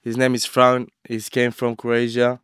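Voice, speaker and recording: Flat, very clear-voiced male host. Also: medium pitch, dry recording, studio quality. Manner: plain, halting, simple phrasing. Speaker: interview host. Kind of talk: casual interview hosting.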